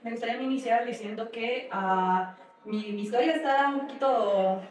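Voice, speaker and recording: A woman's voice: a little high, moderate pace, a little mellow, very echoey, far from the mic. A young woman from Michoacán, a guest student chatting casually and hesitantly with many fillers. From Michoacán, Mexico. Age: young adult. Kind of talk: casual conversation.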